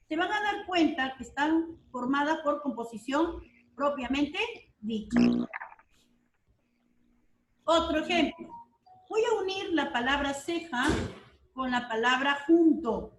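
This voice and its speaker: A woman teacher with a high voice talks her class through a lesson at a slow, deliberate pace. She repeats the key terms and keeps checking that her students follow. Her voice sounds a little distant from the mic in a roomy space. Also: animated, slight background noise. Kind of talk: online class lecture.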